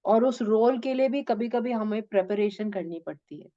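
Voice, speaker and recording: A woman teaching a spiritual discourse to her students, gently coaxing them and slipping English phrases into her talk. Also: on the high side, moderate pace, lo-fi sound. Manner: gentle, coaxing, addresses listeners as "beta".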